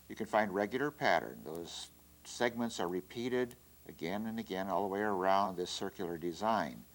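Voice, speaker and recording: A middle-aged man teaching art as he demonstrates, relaxed and halting, with many fillers and restarts. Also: lowish voice. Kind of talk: instructional demonstration.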